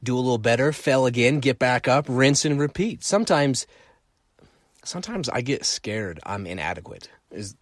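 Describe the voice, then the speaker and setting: A middle-aged man hosting a solo podcast, telling a story in an animated way, acting out voices and repeating phrases. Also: medium pitch, moderate pace, no echo, studio quality. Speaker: podcast host.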